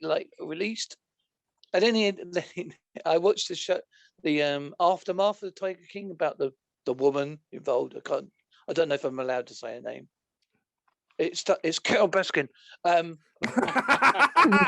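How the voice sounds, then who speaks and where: A man's voice: high voice, vocal fry, fairly bright tone, no room sound. A British man chatting as a podcast guest, joking and sarcastic. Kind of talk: casual chat.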